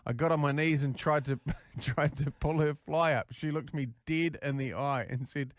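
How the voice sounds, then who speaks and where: A man's voice: a little high, normal speed, no echo. A man co-hosting a radio show, reading listener stories aloud and giggling as he goes. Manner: animated, giggling reader. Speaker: radio co-host.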